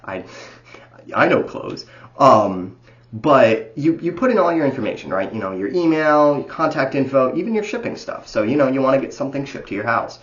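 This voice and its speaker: A man's voice: medium pitch, animated, moderate pace, lo-fi sound. A man talking casually and unscripted about data privacy, rambling with lots of fillers and the odd swear word.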